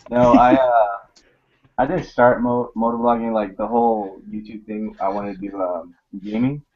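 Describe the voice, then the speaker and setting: A man's voice: medium pitch, level tone, normal speed, highs cut off. A young man chatting casually in a group with laid-back, slangy, profanity-laced delivery. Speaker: motovlogger in a group hangout.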